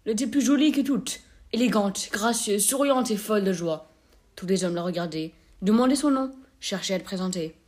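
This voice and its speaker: Brief: female narrator, measured and expressive, classic short story reading. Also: medium pitch.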